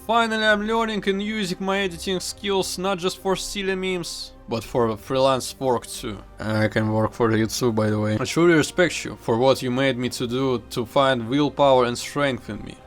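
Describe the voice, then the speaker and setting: A man's voice: medium pitch, animated, normal speed, hardly any pauses, faint music behind. A man, reading an earnest, heartfelt personal vlog script. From Kazakhstan. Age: 20s. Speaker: vlogger.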